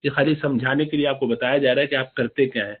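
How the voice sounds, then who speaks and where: A man teaching a Quran recitation lesson, explaining the rules and slowly reciting and stretching out example words. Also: mid-range voice, steady tone, breathy edge. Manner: drawn-out demonstrative recitation of examples. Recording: tinny phone-like audio.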